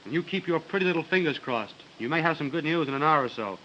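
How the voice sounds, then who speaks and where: An actor playing a breezy, confident young man with a brisk, reassuring delivery on an early talkie film soundtrack. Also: a little high, animated, pushed and bright, lo-fi sound, slight background noise. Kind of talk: 1930s film acting.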